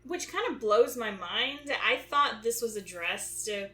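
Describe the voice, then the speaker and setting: A woman's voice: a little high, lively intonation, unhurried, bright, forceful tone. Chatty woman co-host in an echoey room. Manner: chatty, thinks aloud with restarts. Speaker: podcast co-host. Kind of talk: casual chat.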